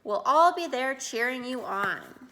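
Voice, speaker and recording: A strict male teacher from a children's storybook, put on by a woman reading aloud. He speaks firmly and steadily, in a somewhat high, bright voice. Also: animated, measured pace, full character voice. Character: stern male schoolteacher. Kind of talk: reading a picture book aloud.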